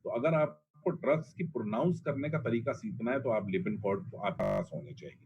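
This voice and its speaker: A man with a fairly low, darkish voice delivers a pharmacology lecture in an animated, brisk style. He's blunt and colloquial, repeating drug names for emphasis, on a dull lo-fi classroom recording with faint noise.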